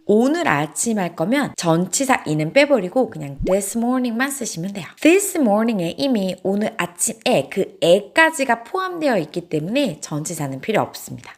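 A woman teaching English grammar in an online lesson, asking questions and then answering them step by step. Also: mid-range voice. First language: Korean.

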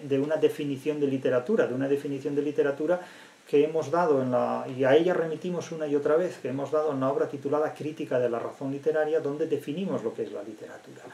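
A man's voice: mid-range voice, darkish tone. Emphatic man lecturing in an echoey room. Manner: emphatic, repetitive, deliberate with pauses. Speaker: literature professor. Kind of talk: lecture on literary theory.

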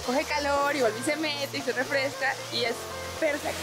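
A woman's voice: high-pitched, fairly even intonation, moderate pace. A young woman, chatting outdoors as she tours a town and explains a grammar point to viewers. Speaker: Spanish teacher and travel vlogger. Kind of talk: travel vlog with language tips. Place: outdoors in a small town and countryside. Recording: music playing behind the voice.

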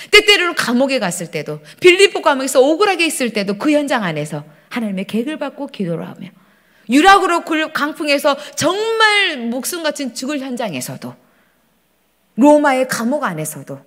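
A woman pastor preaches a sermon from the pulpit of a church sanctuary. Her voice sits high and swings widely in pitch as she tells a story in an animated way, acting out her own prayers along the way.

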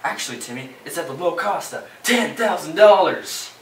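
A man's voice: fairly high pitch, expressive, moderate pace, faint music behind, lightly acted. A young man acts out a hard sell infomercial salesman with a slightly stilted, homemade delivery. The sound is echoey and a bit distant, as from a camera in a small bare room. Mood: salesy. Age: teens to young adult. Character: older salesman pitching a gadget to a boy. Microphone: camera a few feet away.

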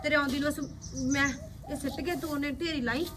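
An actress playing a stubborn, lively young woman who insists on helping her elder sister-in-law with chores. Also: sits high, quick pace, crowd noise, close to an everyday voice. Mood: insistent. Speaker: actor. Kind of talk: village family drama acting. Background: birdsong.

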